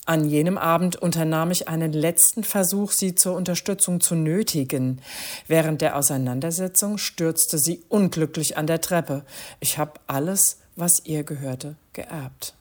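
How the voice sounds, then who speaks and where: A woman voicing a guilty, meek man who talks sheepishly in a thin, hushed voice, read as a storybook character. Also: sits low, normal speed. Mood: confessing. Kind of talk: storybook reading.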